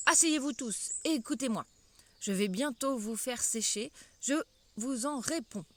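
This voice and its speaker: An older woman voicing a touchy little mouse in a storybook reading, piercing when angry and trembling when low. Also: unhurried, a little hiss or hum, natural voice. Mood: commanding.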